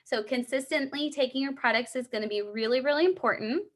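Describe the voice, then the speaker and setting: A woman's voice: high voice, fast. A young woman in a three-way phone call sales role-play, explaining and encouraging in an upbeat, conversational way. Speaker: supplement sales consultant.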